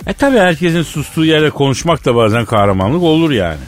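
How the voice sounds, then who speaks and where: A man's voice: on the high side, sing-song, fast talker, soft background music. A man hosting a comedy radio sketch, joking in a wisecracking, mock-preachy way.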